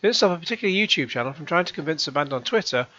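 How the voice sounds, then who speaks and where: A middle-aged man hosting his own channel, reading out comments and answering them with sarcasm and rambling asides, his voice going hoarse. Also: a little high, animated, racing, pushed and bright, lo-fi sound. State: hoarse, coughing. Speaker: YouTube channel host.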